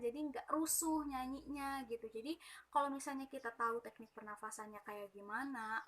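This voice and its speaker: A woman's voice: high voice, pushed and bright. A young woman giving casual, chatty tips on singing technique, with plenty of fillers. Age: young adult. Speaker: student presenter.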